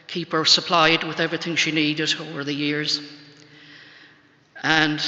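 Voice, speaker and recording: A woman's voice: low voice, sharp tone. Faltering, tender Irish woman in an echoing church. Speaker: bereaved sister giving thanks at a funeral. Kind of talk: funeral eulogy. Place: large church, speaking to a congregation. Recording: muffled, echoey church hall reverb.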